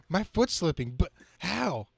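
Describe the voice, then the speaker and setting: A man's voice: high-pitched, sing-song, slow pace, vocal fry, a bit bright, husky, no room sound, exaggerated voice. A man voicing a wisecracking young superhero and student, narrating his own action dramatically in a comic book reading. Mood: alarmed. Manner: quippy, dramatic self-narration.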